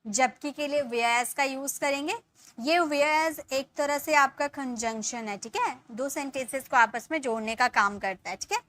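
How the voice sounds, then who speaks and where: A young woman teaches spoken English, slowly dictating example sentences and letting sentence ends fade. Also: high voice, a bit bright, no echo.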